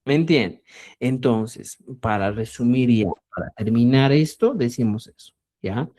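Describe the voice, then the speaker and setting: Slow, lively-voiced woman teaching language. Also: very deep voice. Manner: slow and deliberate, repeats key words and checks understanding with "¿ya?"; addresses listeners as "estimados amigos". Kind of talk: explanatory online language lesson.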